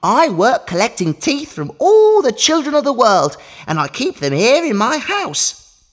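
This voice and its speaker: A woman with a slightly high, sing-song voice speaks a little slowly as a magical tooth-collecting mouse, boastful and gleeful, exclaiming and giggling like an overbright party host. The mood is excited and playful, in children's storytelling meant for a listening exercise.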